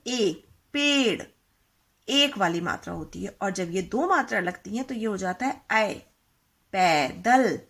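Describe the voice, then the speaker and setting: A woman teaching young children how to read and write, explaining slowly and patiently, asking questions and repeating words for them to practice. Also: on the high side, slightly rough. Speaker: Hindi teacher.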